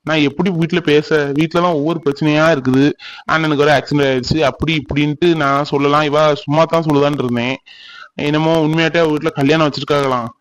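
Guy doing a sad lovesick village lad, a bit high, mournful and pleading. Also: steady tone, close to an everyday voice, rough recording. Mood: troubled. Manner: mournful, pleading, slow and tearful. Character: heartbroken young village man, lovesick and brooding. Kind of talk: cartoon voice acting.

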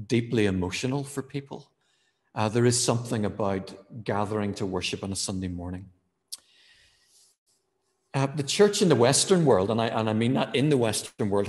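Man preaching in a reverberant church. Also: on the low side. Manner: measured preaching with fillers, slowing to stress key words. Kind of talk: sermon.

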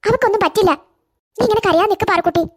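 Woman voicing a sweet older cartoon girl giving advice, high and quick, gentle. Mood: soothing. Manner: gentle, encouraging, advising. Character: kind older girl, caring and reassuring. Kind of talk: cartoon voice acting.

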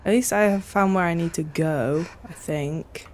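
In a small home room, a young adult woman streams a game with casual, exasperated commentary, swearing and reacting out loud. Her voice sits on the low side, a little slow and mellow, with slight background noise.

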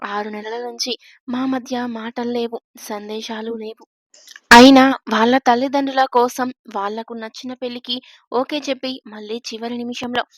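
A woman narrating a first-person story in a steady, even storytelling voice. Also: on the high side, no room sound, clean studio sound.

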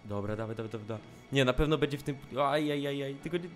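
A young man casually commenting on a video game as he plays, cracking jokes, swearing often and shouting at the screen when things get tense. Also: mid-range voice, quick pace, soft background music. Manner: jokey, swears a lot, yells at the screen in tense moments. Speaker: let's play gamer. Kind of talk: casual let's play commentary.

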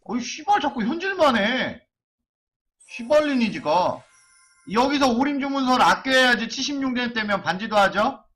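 A man's voice: very high-pitched, very animated, moderate pace, a bit bright. A man streaming an online game live, chanting and cursing as he gambles on item upgrades.

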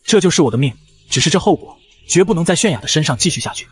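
A frail old patriarch of a martial clan, grave and courteous in every word, as a man reading a comic story puts him on. The voice sits a little high and moves at a brisk clip. Soft music runs underneath. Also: expressive, breathy edge. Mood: solemn. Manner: solemn, courteous.

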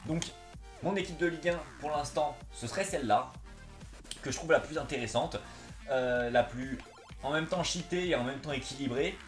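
A man's voice: a little high, moderate pace, reverberant, soft background music. A young man with a slight slushy lisp on his s sounds, chatting casually and slangily like a gaming YouTuber. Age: young adult. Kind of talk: casual gaming vlog chat. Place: small indoor room, seated on a couch.

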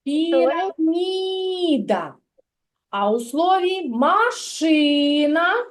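Woman, kindergarten teacher; slow, patient, sing-song delivery for a classroom of small children. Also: high-pitched, lively intonation. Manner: slow, drawn-out, sing-song repetition of words; patient, questioning and correcting children. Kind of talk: literacy lesson for young children.

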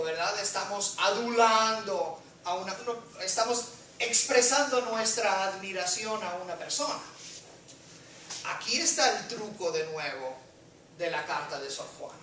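A woman's voice: mid-range voice, a little slow, sharp tone, a little hiss or hum. A woman teacher lecturing a class and quizzing students, often asking "right?". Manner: questioning, switches into English, reads aloud. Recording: echoey classroom from far off.

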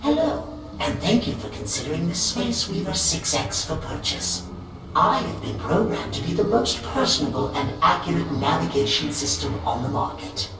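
An actor voicing a chatty, malfunctioning navigation robot in a video game, booting up and shutting down in a formal, salesy announcer tone. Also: medium pitch. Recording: very echoey, distant game audio with music. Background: game music.

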